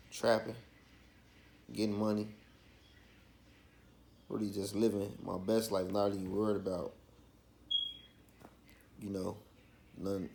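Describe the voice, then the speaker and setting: A man's voice: sits low, gravelly, darkish tone, slight background noise. A man with a Chicago accent telling a personal story in a casual, slangy street style, often checking in with the listener. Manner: slangy, with frequent checking tags like "you feel me". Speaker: vlogger.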